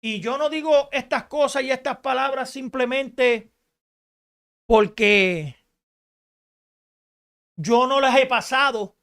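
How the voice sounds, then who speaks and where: A woman preaching a radio sermon in an emphatic style, rising to shouts and asking rhetorical questions. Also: sits high, slow, long pauses.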